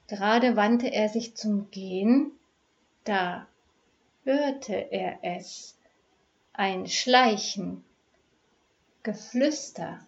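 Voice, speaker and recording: A woman reading a cozy crime story aloud in a measured, expressive storytelling manner. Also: medium pitch, lo-fi sound. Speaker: narrator. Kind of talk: scripted narration of a crime story.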